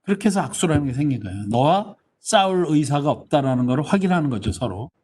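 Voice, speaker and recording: A man's voice: on the high side, quick pace. A middle-aged man giving an online lecture, telling stories and acting out short exchanges of dialogue. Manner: animated storytelling, acting out little dialogues.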